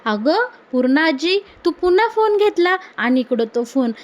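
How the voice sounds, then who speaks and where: A woman's voice: high voice, very animated, a little slow. Woman doing a young wife scolding granny. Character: young pregnant woman scolding her grandmother.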